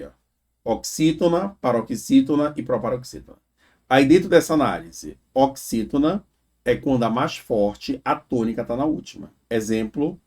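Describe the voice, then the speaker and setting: Guy teaching grammar for exams, slow careful explaining, keeps saying né and tá. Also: medium pitch, a little mellow. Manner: explains slowly, drawing out example words, frequent "né?" and "tá?". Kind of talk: exam prep lecture.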